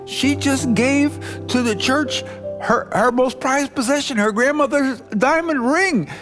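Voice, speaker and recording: A man's voice: extremely high pitch, measured pace, fairly bright tone, soft background music, voice pushed up. A man quoting a moved, red-eyed young husband in his own voice, speaking earnestly.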